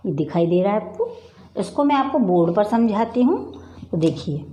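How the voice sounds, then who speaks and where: A woman's voice: mid-range voice, very animated, moderate pace, warm tone. A middle-aged woman teaching a primary school class at the board, patient and repeating words while asking the class questions. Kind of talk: slow board lesson for children.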